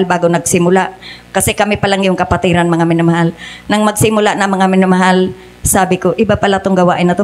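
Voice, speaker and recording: A middle-aged woman giving an earnest church testimony in a church, calling her listeners beloved again and again. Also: mid-range voice. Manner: earnest, addresses the congregation as "mga minamahal" again and again.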